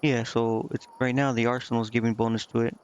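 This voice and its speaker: Speaking fast and smoothly in a level, mid-range voice, a man livestreams a strategy RPG and casually mumbles his thinking as he sorts things out. The recording is muffled, and game music plays behind him.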